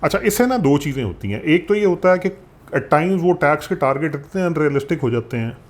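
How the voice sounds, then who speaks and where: A man with a Pakistani Urdu accent explaining economics in a conversational way, animated and sprinkling in English phrases. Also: a little high, a little fast. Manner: animated, mixes English phrases, frequent fillers. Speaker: economics commentator.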